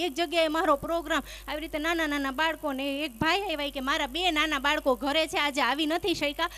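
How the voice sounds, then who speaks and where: A woman's voice: high-pitched, fairly bright tone. A woman stand-up comedian, telling teasing stories on a live stage and acting out the dialogue. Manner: chatty, teasing, acts out dialogue. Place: stage before a live audience. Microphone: stage microphone.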